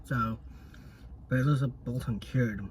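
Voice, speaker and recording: A man's voice: mid-range voice, fairly even intonation, a little slow, a little hiss or hum. A man co-hosting a casual podcast chat, rambling with lots of filler words and talking while he chews. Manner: talks while chewing. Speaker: podcast co-host.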